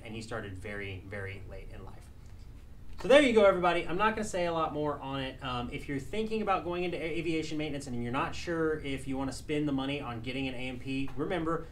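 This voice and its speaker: Rambling and correcting himself as he goes, a young man, an aircraft mechanic and channel host, chats to camera inside a workshop classroom lined with benches and tool cabinets. His voice is mid-range. A little hiss or hum is audible.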